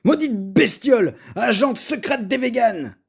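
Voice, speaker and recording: A man acting out a stubborn, grumpy meat lover who protests with gruff, exaggerated indignation. He sounds combative and theatrical, like a storybook hero quarrelling with everyone. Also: a little high, expressive, a little slow, darkish tone, full character voice. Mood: furious.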